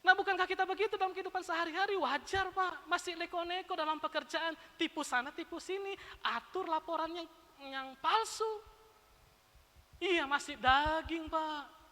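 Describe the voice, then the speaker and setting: A woman's voice: very high voice, moderate pace, sharp tone. A woman preaching a sermon in a church, emphatic, firing rhetorical questions at the congregation and tossing in playful asides. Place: church sanctuary. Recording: long church-hall reverb.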